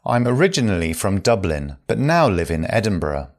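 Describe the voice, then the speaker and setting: A man reading phrases for learners, each one slowly and then again at normal speed. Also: low-pitched, very animated. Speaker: phrase teacher.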